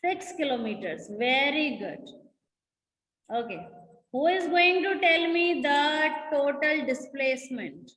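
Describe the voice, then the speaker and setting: A woman with a North Indian accent teaches a school lesson, mixing English and Hindi, repeating key points and checking that students follow. Her voice is high-pitched, animated and a bit bright, and she goes slowly. The room sound is echoey and reverberant.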